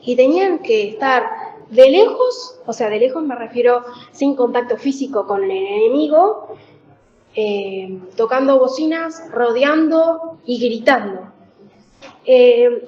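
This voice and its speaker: A woman preaching a Bible reflection in a conversational way, pausing often with fillers. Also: high-pitched, darkish tone, highs cut off. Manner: conversational, with many fillers and pauses. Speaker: church speaker.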